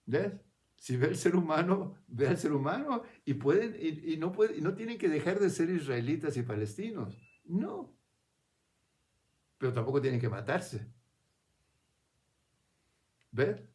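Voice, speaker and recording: A man with a slightly raised voice gives a reflective spiritual talk. He speaks in an unhurried, conversational way and often turns to his listener for a quick nod. He restarts phrases as he works his thoughts out aloud. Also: on the high side, very animated, darkish tone. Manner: conversational, keeps checking in with "¿ves?" and "¿no?".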